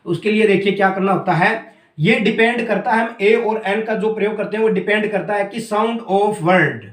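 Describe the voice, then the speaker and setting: Man, high voice, grammar teacher, patient step-by-step explaining, roomy echo. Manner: explains step by step, keeps asking "clear?". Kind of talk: whiteboard grammar lesson.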